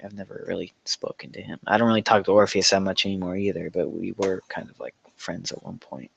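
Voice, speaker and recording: A man's voice: low voice, fairly even intonation, quick pace, creaky, dull audio, slight background noise. Young man rambling on a livestream. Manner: rambling, profane, laughs through stories. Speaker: livestream host answering chat questions. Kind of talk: casual livestream chat.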